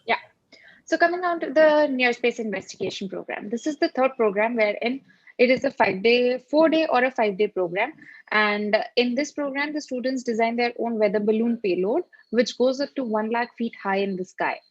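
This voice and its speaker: Higher-pitched Indian-accented woman presenting. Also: normal speed, no room sound, dull audio. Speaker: company presenter. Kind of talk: slide presentation.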